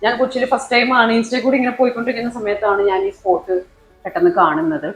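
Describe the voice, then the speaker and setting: A woman with a Malayali accent chatting casually as a food vlogger, mixing English words and phrases into Malayalam in an animated way. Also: fairly high pitch, racing. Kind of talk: casual food vlog chat. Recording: roomy echo, faint music behind.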